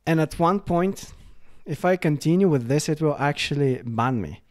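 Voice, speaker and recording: A man casually walking through a software demo, chatty and full of fillers like "like" and "uh". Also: a little high, animated, moderate pace. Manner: chatty, lots of fillers, reads chatbot replies aloud. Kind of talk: casual screen-recorded product walkthrough.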